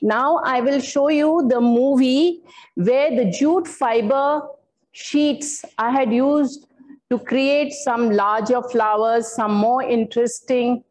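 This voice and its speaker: A woman's voice: a little high, darkish tone, rough recording. An older woman giving a floral art workshop demonstration, explaining her materials step by step with some fillers. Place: indoor studio room.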